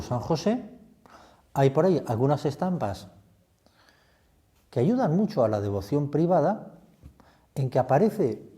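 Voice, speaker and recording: A man's voice: mid-range voice, mellow. A man, a priest leading a retreat meditation, reflective and putting many questions to the listener.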